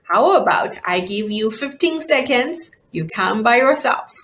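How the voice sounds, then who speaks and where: A woman's voice: a little high, lively intonation, unhurried, a bit bright. A woman teacher leading a children's language lesson, speaking in simple, carefully enunciated instructions, questions and repeat-after-me drills.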